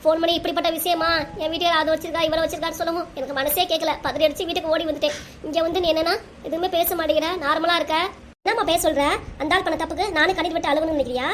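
Fast, high-voiced woman voicing a cartoon. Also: fairly even intonation, a little hiss or hum. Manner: emotional, argumentative family talk. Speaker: voice actor for all the figures. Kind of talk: cartoon voice acting.

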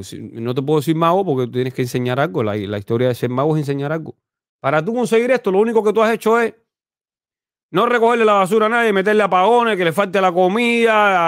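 A man with a Cuban accent hosting a casual commentary livestream, animated and talkative, swinging between loud exclamations and low mutters. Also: dry recording, studio quality. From Cuba. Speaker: host.

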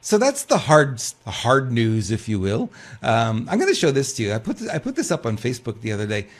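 A man's voice: mid-range voice, huge pitch swings, fairly quick. An older man co-hosting a political news talk show, reading news aloud and commenting casually with rhetorical questions and frequent restarts.

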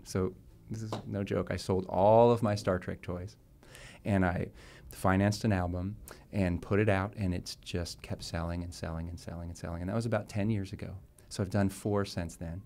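A man's voice: low-pitched, fairly even intonation, normal speed, vocal fry, darkish tone. A man being interviewed before his show, chatty and self-deprecating, laughing often and at times getting choked up. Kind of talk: candid pre-show interview. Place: club venue before a show.

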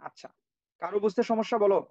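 A man's voice: high voice, fast talker, dark tone. A man teaching English grammar to children in an online class, patiently repeating, spelling words out and checking on students by name. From Bangladesh. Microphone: cheap computer microphone. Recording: dull lo-fi online-class audio.

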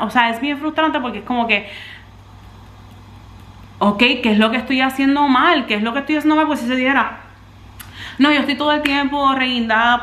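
A woman's voice: on the high side, a bit bright, roomy sound. A young woman with a Puerto Rican accent, talking frankly and ramblingly to camera in a casual vlog. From Puerto Rico. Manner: frank, rambling, emotional venting. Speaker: vlogger and content creator. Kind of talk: candid casual vlog talk.

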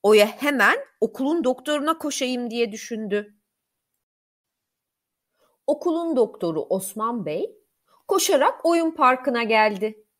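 A woman teacher reading a story aloud to young children, clear, expressive and deliberate. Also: on the high side. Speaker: primary school teacher.

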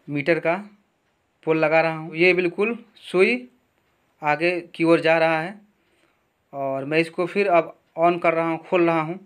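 A man teaching electronics repair, explaining each wiring step slowly and with a lot of repetition at his workbench. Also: fairly high pitch, smooth. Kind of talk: hands-on repair tutorial.

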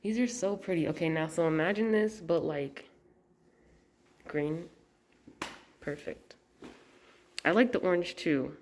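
A young woman chats enthusiastically as she films a tour on her phone, filling her talk with "like." Her voice sits a little low, and steady background noise comes through the phone recording. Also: a little slow, pauses often. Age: 20s. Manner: chatty, enthusiastic, lots of "like". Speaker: vlogger. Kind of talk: casual chat. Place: historic house museum and garden, indoors and outdoors.

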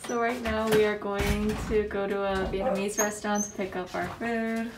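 A woman's voice: medium pitch, flat delivery, moderate pace, echoey room, background noise. A young woman vlogging on her honeymoon, chatting cheerfully through a face mask. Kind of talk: casual vlog chat.

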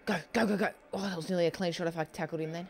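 A gaming channel host giving excitable live commentary on his own football game, exclaiming and talking to himself as he plays, on a headset. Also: mid-range voice, fast talker, creaky, a little hiss or hum. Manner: excitable, talks to himself while playing, frequent exclamations. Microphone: headset headphones.

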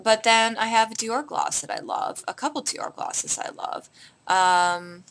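A woman's voice: a little high, a little slow, fairly bright tone, smooth. A young woman beauty vlogger talking casually through a questionnaire, chatty with many fillers and restarts. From Canada. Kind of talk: casual chat answering a tag questionnaire.

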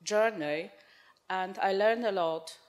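A woman in her forties speaks on a conference panel at a medium pitch. She holds a handheld mic, and her tone is earnest, with occasional repeated words as she searches for phrasing. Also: takes it slowly. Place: conference hall with audience. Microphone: handheld microphone.

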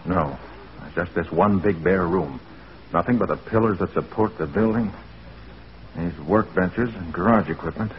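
In an old-time radio drama, a low-voiced actor plays a sharp, self-assured American private detective who stays brisk and cool when threatened. He sounds determined, and the old radio recording is muffled and hissy.

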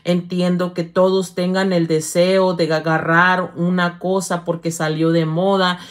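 A middle-aged woman, hosting a casual livestream, reading viewer comments aloud and calling her viewers "hija" in an affectionate, halting manner. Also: fairly low pitch, little pitch movement. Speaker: livestream host.

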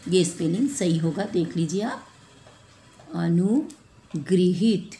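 A woman teaching a spelling lesson to children, repeating each word slowly and correcting mistakes one by one. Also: fairly low pitch, darkish tone. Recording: echoey room with faint ambient noise.

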